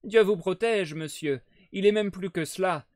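A man voicing a vigorous, worried boatman's wife and mother, in a loud, high, pleading voice. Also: moderate pace, dry recording, clean studio sound, natural voice.

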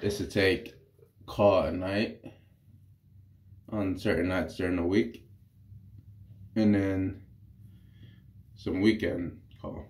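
This wet-shaving reviewer is a man in his thirties with a congested, cold-affected voice that sits low and moves slowly, with frequent pauses. He explains his shave to the camera in a cramped bathroom with an echo, rambling casually as he works.

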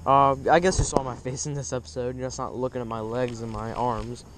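Fishing from a kayak, a teenage boy vlogs in a flat, mid-range voice at a fairly quick clip. His casual talk wanders and is full of fillers, captured by an action camera on his head along with the sounds of the outdoors.

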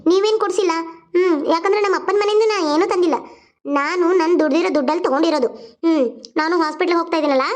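A woman voicing an indignant young daughter-in-law in a cartoon, scolding. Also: very high-pitched. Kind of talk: cartoon voice acting.

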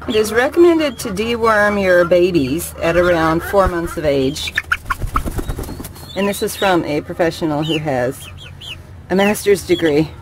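Filmed outdoors on a handheld camera with background noise, a woman who keeps backyard chickens explains things in a plain, matter-of-fact informational vlog. Her lowish voice is unhurried, with some ums along the way.

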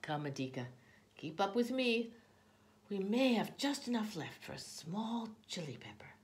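A woman's voice: medium pitch, big pitch swings, measured pace, a little mellow, voice pushed up. A woman playing an exasperated storybook mother. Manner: exasperated, exclaiming, raised voice. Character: busy, fretful village mother.

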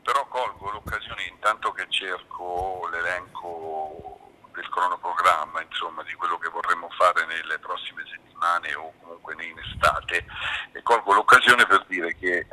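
A man's voice: low voice, fairly even intonation, moderate pace, pushed and bright. A middle-aged man, a city councillor, heard on speakerphone during a live phone-in, explaining his points and stressing them by repeating them. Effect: on speakerphone over a phone line. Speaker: city councillor for public works.

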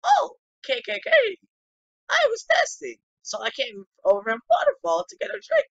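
A young gamer doing a breathless, high, squeaky voice for a flustered monster scientist in a video game. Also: huge pitch swings, normal speed, gravelly, muffled recording, full character voice.

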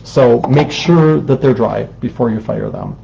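A man streams a ceramics lesson, talking close into a desk mic in a studio where a fan is going; he is chatty, explains a lot and fills pauses with um. His medium-pitched voice is unhurried, creaky and dark, and the recording is muffled.

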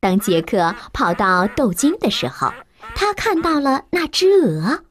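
A woman narrating a children's storybook slowly and expressively. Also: on the high side. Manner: slow, expressive, lively storytelling.

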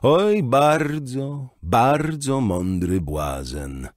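A man reading an audiobook voices a mad male jester who chants nonsense rhymes in a slow, drawn-out singsong. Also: low voice, big pitch swings, a little mellow, dry recording, studio quality, heavily acted. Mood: chanting.

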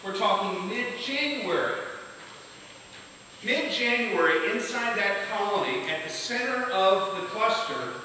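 A man teaching a beekeeping class to a live audience in a lively lecture manner, often putting questions to the room. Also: high voice, unhurried. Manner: energetic, asks the audience questions. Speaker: beekeeping instructor. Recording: echoey hall from far off, hiss.

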